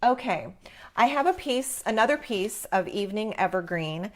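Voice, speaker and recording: A woman's voice: medium pitch, lively intonation, moderate pace. A woman hosting a live craft tutorial, talking informally and encouragingly as she explains each step. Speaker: craft class host.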